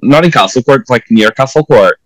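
A man from Portugal with a Portuguese accent, guesting on a podcast and chatting casually, animated and quick to jump into high exclamations. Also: no echo, low-quality recording. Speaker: podcast guest, drag performer. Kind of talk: casual chat.

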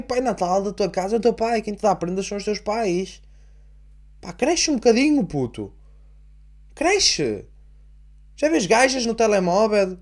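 A man's voice: sits high, pitched above the performer's own voice, heavily acted. An exasperated young dad, put on by a man, bluntly scolding his ten-year-old son. His voice jumps well above his everyday talk and turns pushy and mocking.

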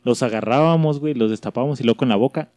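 A man's voice: medium pitch, very fast, a little mellow, no echo. A young Mexican man races through a story in crude, slangy chat. He acts out other people's lines along the way. His voice is close and dry, with no room sound at all. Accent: Mexican Spanish. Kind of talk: casual chat.

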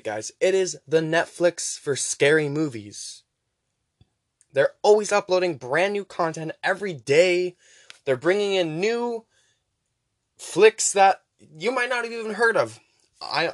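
Casting: male podcast host, slightly high voice, rambling and chatty, Rs slipping toward W, dry close sound. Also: lively intonation, unhurried, no echo. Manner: weak R sounds, pronounced close to W; chatty, urging listeners on with repeated phrases. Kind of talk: casual rambling podcast talk.

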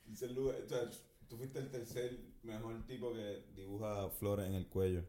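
A man's voice: fairly low pitch, flat delivery, moderate pace, dark tone. A man with a Puerto Rican accent hosting a podcast, joking and swearing freely in casual chat. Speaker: podcast host.

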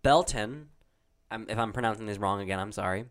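A man casually reading Halloween trivia questions aloud to a friend, halting and restarting, laughing often. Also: lowish voice, fairly bright tone. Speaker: quiz reader.

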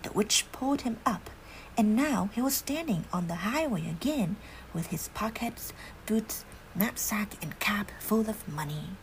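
A woman narrating a fairy tale in a hushed, unhurried whispered role-play. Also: mid-range voice, animated, slight background noise, low-quality recording. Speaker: storyteller.

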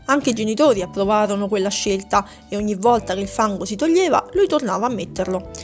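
A woman narrating a children's story in a steady, gentle storytelling manner. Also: mid-range voice, quick pace, soft background music.

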